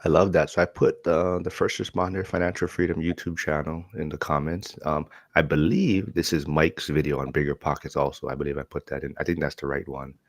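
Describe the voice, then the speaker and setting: A man's voice: a bass voice, steady tone, brisk, few pauses, dry recording, studio quality. A man hosting a livestream in casual, conversational style. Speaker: livestream host.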